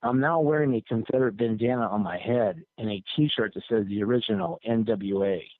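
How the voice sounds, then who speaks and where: A man's voice: fairly low pitch, a little fast, no room sound. A man calling in to a show and telling a long, rambling, profane story, repeating himself as he goes. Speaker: caller. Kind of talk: casual call-in storytelling. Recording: tinny phone line, dry.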